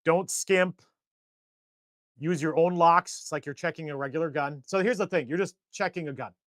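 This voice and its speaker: Brief: chatty male stream co-host, slightly high voice, dry close sound. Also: normal speed, no room sound. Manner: rambling, animated storyteller. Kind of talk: casual chat. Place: indoors, a shed workshop.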